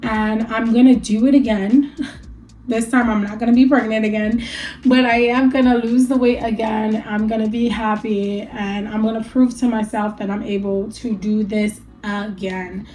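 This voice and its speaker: Chatty woman vlogger, mellow voice. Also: fairly high pitch, flat delivery, normal speed, low-quality recording. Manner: chatty, candid and encouraging, laughs often. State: allergies, a bit stuffy after a rough night. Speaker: vlogger sharing a weight loss journey. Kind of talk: casual talk to camera.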